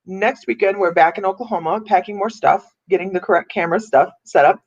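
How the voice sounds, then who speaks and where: A woman's voice: medium pitch, brisk. A middle-aged woman from Ohio hosting a psychic livestream, chatting casually in a rambling way and laughing often. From Ohio, USA. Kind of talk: casual live chat. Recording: dull lo-fi livestream audio.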